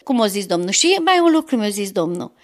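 A woman's voice: medium pitch, big pitch swings. A woman in her sixties earnestly recounting her personal faith testimony in an interview, her voice rising at emotional moments. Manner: earnest, devout storyteller with rising emotional peaks.

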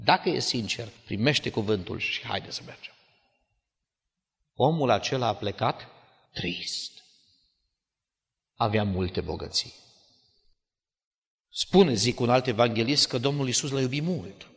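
A male preacher giving a sermon in a church hall, in an animated storytelling style with dramatic swings. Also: mid-range voice, long pauses. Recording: long church-hall reverb.

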